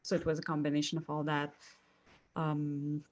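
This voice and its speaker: A woman's voice: low voice, completely flat delivery, normal speed, darkish tone, dull audio. A woman from Quebec, Canada, an engineering professor, answering interview questions casually with many hesitations. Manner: hesitant, laughs between phrases.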